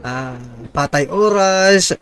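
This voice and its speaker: A man's voice: high voice, expressive, slow, fairly bright tone, clean tone. A man from the Philippines giving casual political commentary as a reaction vlogger, chatty and chuckling, often tossing out rhetorical questions.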